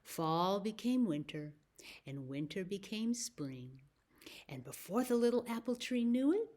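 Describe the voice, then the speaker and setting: In a mid-range voice, a woman runs a children's story time, sharing stories and rhymes and giving simple prompts straight to her young audience.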